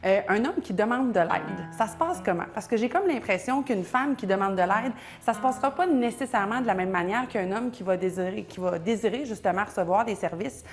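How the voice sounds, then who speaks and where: A woman's voice: medium pitch, expressive, fairly quick, hardly any pauses, faint music behind. A woman hosting an interview, asking questions in a chatty way with playful asides. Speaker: host.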